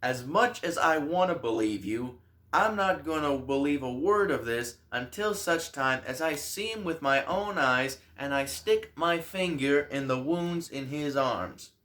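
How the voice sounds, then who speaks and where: A man's voice: a little high, animated, measured pace, fairly bright tone, voice pushed up. A man voicing a skeptical, stubborn male disciple who scoffs in a raised voice. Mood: scoffing.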